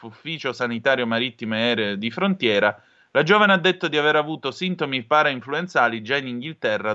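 A man's voice: mid-range voice, bright, forceful tone, lo-fi sound. A man from Calabria reading news aloud, then giving opinionated personal commentary and appealing directly to his listeners. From Calabria, southern Italy.

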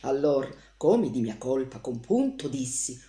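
A woman reading classic epic verse aloud in a slow, solemn recitation. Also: a bass voice, very animated, mellow, reverberant. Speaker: reader.

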